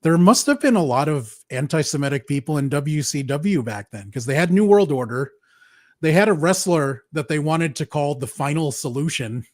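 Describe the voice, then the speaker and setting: A man's voice: a little high, expressive, normal speed. A man hosting a live review show, chatty and joking, laughing now and then. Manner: chatty, laughs often, jokes. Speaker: podcast host. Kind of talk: casual livestream chat.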